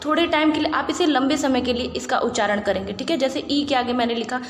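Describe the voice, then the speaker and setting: High-voiced woman teaching in an echoey room. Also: fast talker. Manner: patient, repeats "ठीक है" and asks rhetorical questions. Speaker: Sanskrit teacher. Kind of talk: online lecture explaining grammar. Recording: echoey room with faint background hiss.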